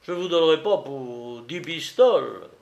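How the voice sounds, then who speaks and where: A boisterous, swaggering prankster of an uncle, as a male reader acts him out. He booms and teases in a commanding, raised voice. This is storybook reading with lively character acting. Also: a little slow, creaky, highs cut off. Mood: teasing. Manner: loud, jovial, commanding. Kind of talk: audiobook character voice.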